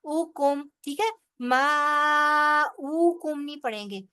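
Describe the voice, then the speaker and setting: A woman teaches the rules of Quranic recitation in a bright, high voice. She speaks at an unhurried pace, explaining each point step by step before reciting the words slowly. She checks in with her listeners often along the way. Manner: checks in with frequent "theek hai". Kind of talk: tajweed lesson with slow recitation.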